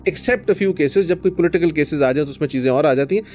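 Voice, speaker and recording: A lawyer in his forties with a Pakistani Urdu accent answers a podcast interview as a guest, earnestly telling stories and slipping in English phrases. His voice is slightly high, brisk, and a little mellow, with soft music in the background.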